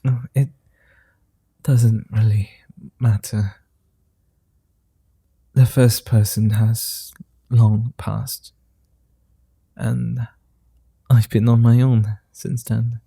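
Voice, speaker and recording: In an ASMR roleplay, a man voices a gentle, flirtatious immortal vampire, murmuring softly and slowly in a tender, teasing way. His mid-range voice is very dark, gravelly and husky, flat in delivery and heavily acted, recorded dry and close with no room sound.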